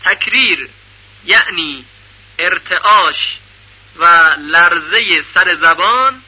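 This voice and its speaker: High, husky-voiced man teaching recitation. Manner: measured explaining, repeating syllables to demonstrate. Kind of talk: radio lesson on recitation rules. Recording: dull lo-fi radio recording.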